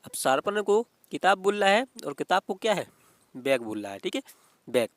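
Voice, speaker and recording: A man's voice: high-pitched, sing-song, normal speed, no echo. A man explaining exam reasoning questions as a teacher, repeating himself and checking in often with "okay". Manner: repetitive, keeps asking "what is it" and saying "okay".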